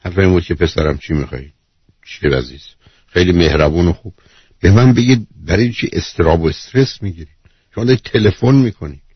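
A man's voice: deep voice, expressive, breathy edge, no echo, dull audio. A man hosting a call-in advice show, bluntly interrupting and lecturing the caller. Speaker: radio advice host. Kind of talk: call-in counselling.

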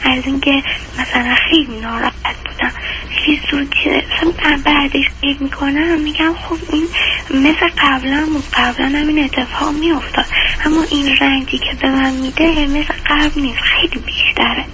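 A young woman calling into a radio show, hoarse, speaking softly and hesitantly with many pauses. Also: sits high, fairly even intonation. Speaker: caller. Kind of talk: radio call-in conversation. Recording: noisy phone line.

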